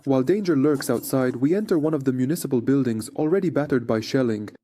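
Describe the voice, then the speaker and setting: A man's voice: mid-range voice, quick pace, background noise. A man narrating a scripted frontline report as a war correspondent.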